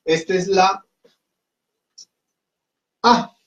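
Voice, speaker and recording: A man's voice: high-pitched, extremely slow, fairly bright tone. A man teaching a class at a whiteboard, patiently repeating himself and often checking that his students follow. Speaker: Hindi teacher. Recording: dull lo-fi recording.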